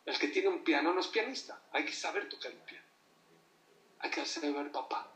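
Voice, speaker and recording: A man's voice: fairly high pitch, lively intonation, a little fast, fairly bright tone. A man giving an emphatic sermon to an audience, often putting rhetorical questions to them. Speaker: religious teacher addressing an audience. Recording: echoey room, voice from far off.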